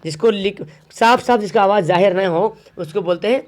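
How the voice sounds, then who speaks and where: A man with a noticeably high voice teaches an exam grammar lesson. He keeps quizzing his listeners and repeats each example word, stretching some out slowly to show how they should sound. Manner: drags out words slowly to show pronunciation.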